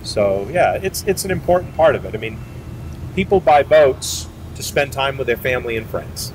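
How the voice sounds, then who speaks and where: A man's voice: medium pitch, lively intonation, moderate pace, poor audio. Middle-aged man rambling outdoors with noise. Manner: rambling, with many fillers and restarts. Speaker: boat manufacturer representative. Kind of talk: casual interview answers. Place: outdoors beside a boat at a marina.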